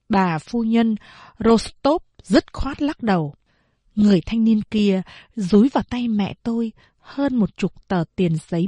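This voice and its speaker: A woman narrating a novel aloud in a measured storytelling manner. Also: mid-range voice, dark tone, slightly rough, no echo. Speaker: audiobook narrator. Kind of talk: scripted narration.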